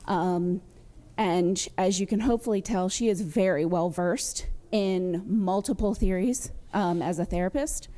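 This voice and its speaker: Woman, social work supervisor, composed testimony, warm mellow voice. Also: fairly low pitch, measured pace. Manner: composed, supportive, with "um"s. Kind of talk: public testimony.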